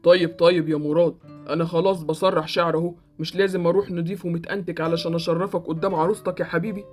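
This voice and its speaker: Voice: mid-range voice, level tone, rapid-fire, soft background music, lightly acted. A voice actor playing a scornful rich Egyptian uncle. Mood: teasing. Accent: Egyptian Arabic. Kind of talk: Roblox voiced drama.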